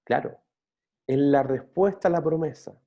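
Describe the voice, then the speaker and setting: A man's voice: fairly high pitch, unhurried. Pastor guy preaching earnest, lots of eh's and restarts, kinda dull lo-fi church recording. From Chile. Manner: earnest, steady preaching with frequent restarts and fillers. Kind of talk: sermon closing in prayer.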